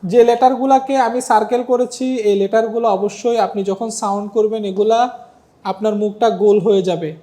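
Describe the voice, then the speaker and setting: A teacher from Bangladesh leading a Quran reading lesson, slowly drilling each Arabic letter with its vowel sound and often stopping to check that the learner is following. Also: mid-range voice, fairly even intonation, dark tone. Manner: coaxing, repeats and checks on the learner. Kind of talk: step-by-step recitation lesson.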